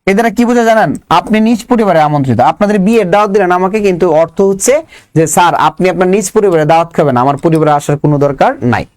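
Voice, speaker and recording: A man with a fairly high voice teaches a grammar lesson to his class. He keeps drilling the students, asking the same question over and over until they answer. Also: fast, no echo.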